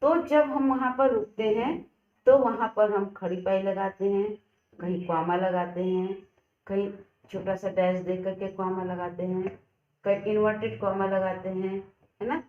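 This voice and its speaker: A woman teaching a class, talking slowly and deliberately and asking the students questions. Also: mid-range voice, fairly even intonation. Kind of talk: classroom lesson. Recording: echoey, dull lo-fi room.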